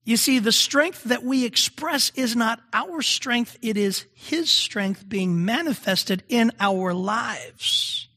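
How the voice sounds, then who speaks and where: A man's voice: extremely high pitch, expressive, slow pace, few pauses, sharp tone. A male pastor giving a conversational sermon, often asking the congregation questions.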